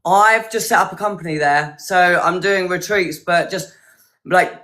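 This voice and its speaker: A woman from Hertfordshire with a bright, forward voice. She talks in a casual, rambling way, as a contestant chatting over a video call. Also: on the low side, measured pace. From Hertfordshire, England. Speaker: dating show contestant. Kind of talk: casual chat.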